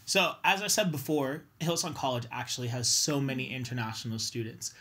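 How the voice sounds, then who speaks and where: A man hosting a casual panel chat with students, upbeat and quick to laugh. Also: mid-range voice, bright, forceful tone. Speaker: host.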